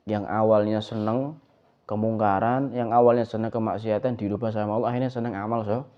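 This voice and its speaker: A man's voice: fairly low pitch, steady tone, fairly quick, clean tone. A man, an ustadz teaching students a religious lesson and often asking them to finish his sentences. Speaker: ustadz teaching a kitab class. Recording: dull lo-fi recording.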